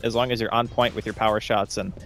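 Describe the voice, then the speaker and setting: A man giving color commentary on an esports match, explaining strategy in a rapid, conversational way. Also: lowish voice, little pitch movement, soft background music. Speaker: esports analyst.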